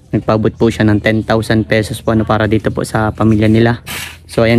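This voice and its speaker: A man hosting a charity vlog outdoors, greeting viewers and gently questioning a family. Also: medium pitch. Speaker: vlogger doing charity visits. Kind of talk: casual vlog talk and interview. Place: outdoors at a rural home.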